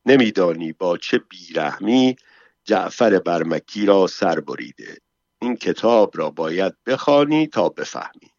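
A man's voice: low-pitched, lively intonation, a little mellow, no echo. A man voicing a young male guard who speaks in a muffled, brooding voice. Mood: sheepish.

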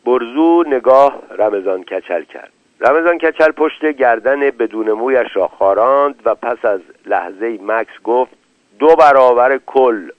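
A man's voice: medium pitch, expressive, dry recording. A man reading a story aloud as a scripted narration, giving the characters' lines with small shifts of his voice. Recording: tinny phone-like dry recording.

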